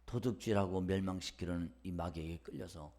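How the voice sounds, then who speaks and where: A man preaching a sermon as pastor, who drops to near-whispers and then rises into loud, pleading lines, and acts out the voices he quotes. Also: sits low, a little fast. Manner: swings between hushed whispers and loud emphatic lines.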